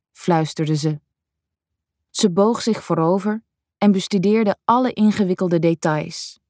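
Low-voiced woman reading a story. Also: dry recording, studio quality. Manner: calm, measured storytelling. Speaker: narrator. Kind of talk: audiobook narration.

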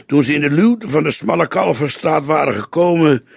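Man reading an audiobook, husky gravelly voice, takes his time, dry studio sound. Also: fairly high pitch, expressive, no echo. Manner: measured storytelling. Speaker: audiobook narrator. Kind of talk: scripted narration.

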